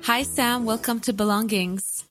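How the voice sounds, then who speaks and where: A woman's voice: fairly high pitch, fairly even intonation, a little slow, a bit bright, faint music behind. A woman hosting a podcast, talking in an earnest, encouraging interview manner. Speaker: podcast host. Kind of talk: warm interview conversation.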